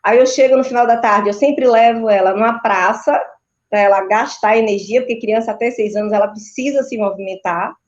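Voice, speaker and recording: A woman's voice: on the high side, fairly quick, darkish tone. A woman with a Brazilian Portuguese accent, a sleep consultant giving didactic answers in an interview and often checking in with tag questions. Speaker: maternal and child sleep consultant. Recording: dull, lo-fi video call audio.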